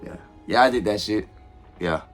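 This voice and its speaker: A man's voice: lowish voice, normal speed, a bit bright, faint music behind. A man in his twenties recording a casual vlog sign-off on his phone, talking in a loose, slangy way. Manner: slangy, loose, pep-talk delivery. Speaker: vlogger. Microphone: phone mic.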